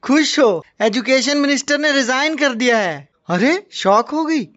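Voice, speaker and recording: A man's voice: extremely high pitch, animated, unhurried, fairly bright tone, slight background noise. An Indian man teases his family in a mock-stern tone, his voice swinging up and down a lot. The home recording sounds dull and lo-fi. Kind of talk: playful family banter.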